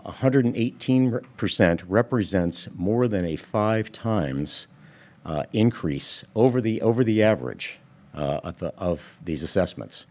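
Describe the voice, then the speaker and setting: A man giving public comment at a town board meeting, speaking in a measured, methodical way with frequent "uh" fillers. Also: sits low, a little mellow.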